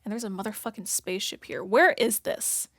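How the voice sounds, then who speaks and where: A woman's voice: mid-range voice, a little fast, a bit bright, no room sound. A woman chatting through a reaction video in a loose, rambling way, stopping often to hunt for the right word. Her speech is full of "like" and "if that makes sense." The sound is close and dry, with almost no room around it. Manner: thinks aloud, searching for words. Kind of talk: casual reaction commentary.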